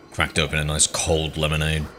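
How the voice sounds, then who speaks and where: A man in his thirties, chatting casually on a live game stream. He reads his chat aloud and banters back in a low voice with a forceful, bright edge. Faint music plays behind him. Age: 30s.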